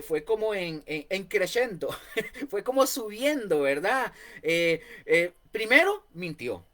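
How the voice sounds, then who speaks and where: A man's voice: sits high, a bit bright. Costa Rican man teaching Bible study. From Costa Rica. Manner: explanatory, repeats key points, frequent fillers.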